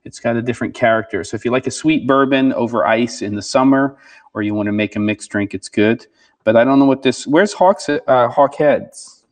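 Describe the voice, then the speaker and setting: A man with a medium-pitched voice talks casually as a livestream co-host. The room gives his words an echoey, cave-like sound. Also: brisk.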